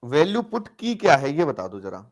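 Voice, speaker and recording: A male maths teacher running a live online class, in a voice pitched a little above the usual for a man. He walks through each step, asks the students questions he then answers himself, and keeps nudging them to type their replies. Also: wildly swooping pitch, moderate pace. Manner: coaxing, keeps calling students brother and asking them to reply; explains step by step with rhetorical questions.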